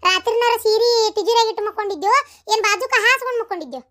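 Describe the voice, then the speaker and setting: A sharp-tongued older mother-in-law with a North Karnataka Kannada accent scolds and mocks in a comic family skit, as a woman puts her on. Her voice sits very high and her words come fast. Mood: scolding. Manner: scolding, mocking, bossy. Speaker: comedy sketch performer.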